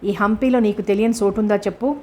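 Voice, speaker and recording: A woman's voice: medium pitch, steady tone, quick pace, mellow, natural voice. A woman voicing an anxious young village woman who speaks rustic dialect and urges her companion on, in a storybook reading. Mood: worried. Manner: worried, coaxing, rustic speech.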